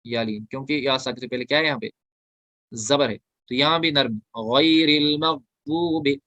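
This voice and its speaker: Brief: male Quran recitation teacher, mid-pitched, explains patiently and chants verses drawn out, dry close sound. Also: a little fast, pushed and bright, no echo, dull audio. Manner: explains step by step, asking questions and answering them himself. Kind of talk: online tajweed lesson.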